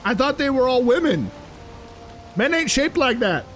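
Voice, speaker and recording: A young man live-streaming a video game, chatting casually with his viewers in an animated, exasperated ramble full of fillers. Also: extremely high pitch, normal speed, a little hiss or hum, rough recording. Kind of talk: casual live-stream chat while playing.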